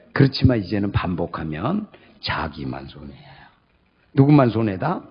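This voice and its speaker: A man preaching a sermon as pastor, questioning his congregation and swinging from loud high calls to low murmurs. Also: vocal fry, dull audio. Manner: call-and-response questions to the congregation.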